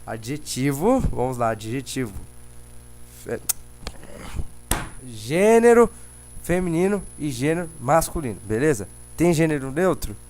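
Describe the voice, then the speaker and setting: A man's voice: medium pitch, animated, moderate pace, darkish tone, slight background noise. A young man with a Brazilian Portuguese accent, teaching a casual online English lesson from slides, rambling and correcting himself as he goes. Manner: chatty, rambling, self-correcting, checks in often.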